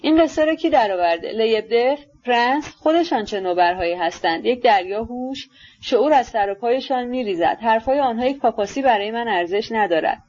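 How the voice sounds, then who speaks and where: A woman's voice: on the high side, expressive, darkish tone. A woman reading the part of a proud, fiery young woman in an audiobook, indignant and scornful. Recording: dull lo-fi recording.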